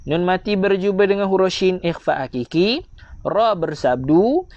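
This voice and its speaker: A man with a Malaysian accent teaching Quran recitation online, correcting mistakes and repeating slow, drawn-out examples. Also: high voice, lively intonation, a little mellow, no echo, lo-fi sound.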